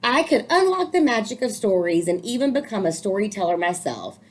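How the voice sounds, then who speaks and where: A woman reads a picture book to children in a sing-song, medium-pitched voice, moving fairly quickly. Her expressive reading is sprinkled with supportive explanations.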